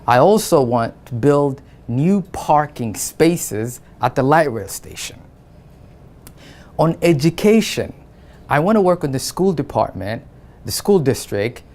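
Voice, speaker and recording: A man's voice: fairly high pitch, animated, slow pace, darkish tone. A man from Somalia, a city council candidate, giving an earnest campaign statement in plain phrasing with a few hesitant fillers.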